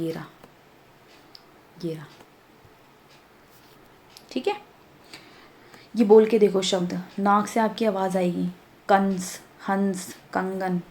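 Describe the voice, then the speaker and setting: A woman teacher walks young pupils through a grammar lesson at an unhurried pace. She repeats key points and keeps checking that they follow. A faint hiss of noise sits under her voice. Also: mid-range voice, a little mellow. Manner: explains slowly, repeats points, checks with "ठीक है?". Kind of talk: Hindi grammar lesson for children.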